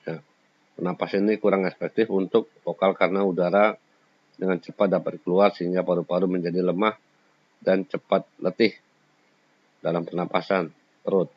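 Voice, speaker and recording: A man's voice: sits low, little pitch movement, moderate pace, long pauses. A man teaching a school lesson, explaining each point in turn and sometimes singing short examples. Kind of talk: classroom lecture. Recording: slightly dull lo-fi sound.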